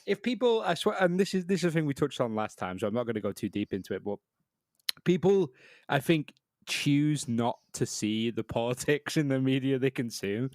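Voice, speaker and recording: A man's voice: medium pitch, big pitch swings, a little fast, a little mellow, dry recording, clean studio sound. A British man co-hosting a podcast, chatting casually in a talkative, opinionated way with some swearing. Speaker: podcast co-host.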